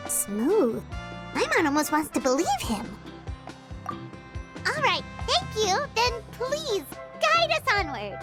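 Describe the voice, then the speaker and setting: A woman voicing a small, chirpy, childlike fairy companion in a video game, nosy and theatrical, with a squeaky voice. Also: wildly swooping pitch, slow pace, pauses often, over loud music, full character voice. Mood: curious, impressed. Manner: refers to self in third person, exclamatory.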